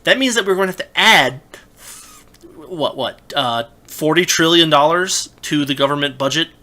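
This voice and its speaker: A young adult man in casual political talk, animated and incredulous, often restarting his sentences. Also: a little high, moderate pace. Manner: animated, rising to loud incredulous emphasis; restarts and stammers mid-sentence. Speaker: podcast co-host.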